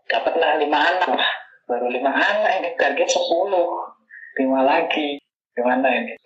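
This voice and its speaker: A man who teaches kindergarten, a podcast guest telling his story in animated casual chat and laughing easily. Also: fairly high pitch, echoey room, highs cut off.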